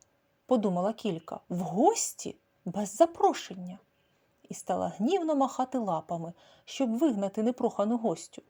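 A woman narrating her own children's story. Her voice is mid-pitched and highly lively, swinging up and down in a warm sing-song way. The reading is expressive and measured, made for young listeners.

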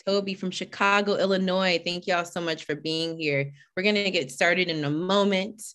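A woman with a low-pitched voice hosts an online event over a video call. She chats casually as she greets attendees by name, then shifts into a steadier introduction of the organization. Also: steady tone, moderate pace. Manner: warm, chatty greetings, reading names from the chat. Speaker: host and executive director.

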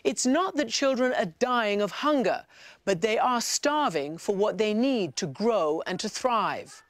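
A middle-aged woman reporter asking gentle, direct questions on location. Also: on the high side, lively intonation, measured pace, no room sound. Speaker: reporter interviewing. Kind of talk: field interview.

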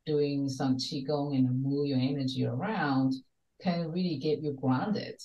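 Her pitch is extremely low, her tone mellow, and her pace a little slow as this older Taiwanese wellness coach speaks earnestly on a video call. She is a guest calling in from her home study, and the distant webcam makes the sound roomy.

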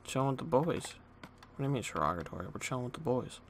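A man with a gravelly, mid-range voice joins a gaming chat in a relaxed, goofy way, tossing out jokes between tasks. A faint hiss runs underneath. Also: medium pitch, fast. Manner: laid-back, goofy joking. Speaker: let's play gamer.

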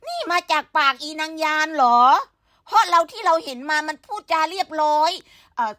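Woman commentator, high bright voice, dry close sound, blunt and scolding. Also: animated, moderate pace, dry recording. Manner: blunt, scolding, rhetorical questions. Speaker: online commentator. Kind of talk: casual gossip commentary.

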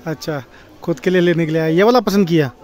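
His voice is on the high side and darkish, and he talks fast: a young man in his twenties vlogging his travels as he walks a busy town market and monastery grounds with his phone held out. Crowd chatter and street noise come through the outdoor phone audio.

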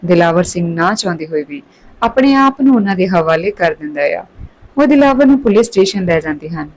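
A woman narrating a Punjabi-accented story, switching between calm telling and raised voices for quarreling characters. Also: fairly low pitch, brisk, poor audio.

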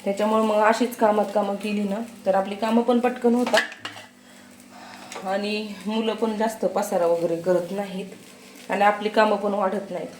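A woman in her thirties with a Marathi accent talks through her kitchen routine in a relaxed, chatty way, explaining each step as she works. Her pitch sits in an ordinary middle range. Faint clatter of pots and dishes stays in the background. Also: normal speed, echoey room, slight background noise. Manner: calm chatty explaining, raises voice to call her children. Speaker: family vlogger. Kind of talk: casual vlog narration while cooking. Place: home kitchen.

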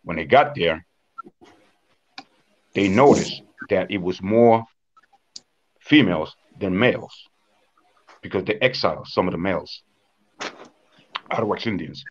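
Deep-voiced Honduran-born man on video call. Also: lively intonation, unhurried, pauses often, muffled recording. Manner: plain storytelling with frequent "uh" and "according to what I understand". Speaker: invited speaker on Wanaragua dance. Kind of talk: online conference talk. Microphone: webcam on video call.

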